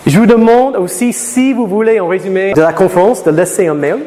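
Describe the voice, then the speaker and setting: A man from Florida lecturing students in a lecture room, lively, and slowing to careful English for learners. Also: sits high. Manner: lively, switches to slow deliberate English for learners. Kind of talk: classroom talk to students. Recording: reverberant hall with faint noise.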